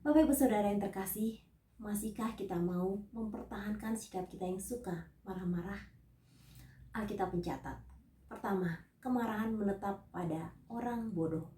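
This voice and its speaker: A woman evangelist giving a scripted teaching sermon, reading out numbered points and Bible verses in a measured way. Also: mid-range voice, dark tone, reverberant, recorded from a distance.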